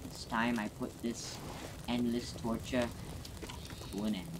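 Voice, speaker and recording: A man voicing a long-suffering, wary game hero in an amateur skit, halting, earnest and melodramatic. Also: medium pitch, fairly even intonation, close to an everyday voice. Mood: wounded, wary. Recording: noisy home recording with clicks.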